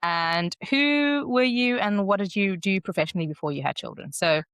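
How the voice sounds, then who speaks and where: A woman's voice: medium pitch, moderate pace, a bit bright, clear, resonant tone, no echo. A woman hosting a solo podcast, talking in a candid, reflective, conversational way. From South Africa. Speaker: podcast host.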